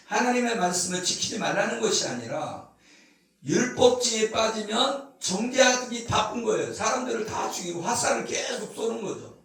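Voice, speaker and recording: A man's voice: sits high, creaky, fairly bright tone. A man preaching a sermon as pastor, asking the congregation questions and acting out scolding voices. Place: church sanctuary. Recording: echoey hall, from far off.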